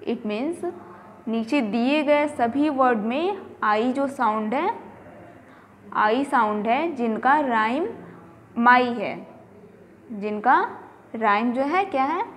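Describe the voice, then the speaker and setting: A woman with an Indian English accent teaches a spelling lesson, sounding out each word letter by letter at a very slow, careful pace. Her voice sits fairly high, and she moves between English and Hindi as she explains. The recording has a long reverb tail and a faint background hum. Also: lively intonation.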